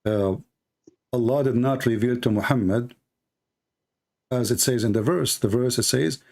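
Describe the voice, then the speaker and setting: This man, a native Arabic speaker with an Arabic accent, argues about religion in a live debate, pressing challenging questions and repeating his points insistently. His voice sits in the middle range, gravelly and somewhat dark, at an ordinary speed.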